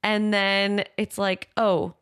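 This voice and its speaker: A woman in her thirties from Michigan, co-hosting a casual podcast at home, her voice hoarse after losing it, chatty and quick to laugh. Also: mid-range voice. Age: 30s. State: hoarse, recovering from lost voice. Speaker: podcast co-host. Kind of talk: casual chat. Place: home in Connecticut.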